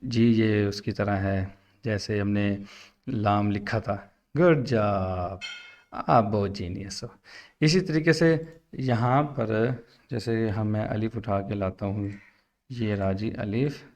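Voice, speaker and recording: A man's voice: fairly low pitch, steady tone, a little mellow. A man teaching how to teach the Quran. He talks to other teachers, sometimes speaks to a pupil, and draws out syllables while spelling letters patiently. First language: Urdu. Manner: explains patiently, drawn-out syllables when spelling. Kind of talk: instructional talk to teachers.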